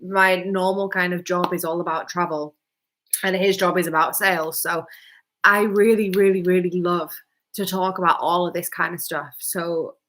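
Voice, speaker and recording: A woman's voice: lowish voice, steady tone, moderate pace, a bit bright. A young woman, a little tipsy, chatting bluntly and teasingly as co-host. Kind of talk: casual chat.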